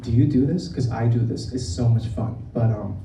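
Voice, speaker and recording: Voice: medium pitch, moderate pace, warm tone. A comedian born in Vietnam doing a live stand-up set, teasing the crowd and talking straight to them. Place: comedy club stage. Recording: roomy live club from far off, audience noise.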